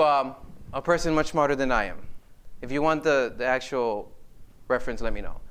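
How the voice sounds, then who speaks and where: A man preaching a live sermon to a congregation, animated, putting questions to his listeners and dropping joking asides. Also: on the high side.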